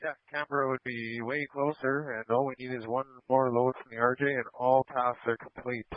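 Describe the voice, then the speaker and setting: A man's voice: medium pitch, flat delivery, normal speed, no room sound. A man discussing firefighting operations over a walkie-talkie radio. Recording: dull lo-fi two-way radio.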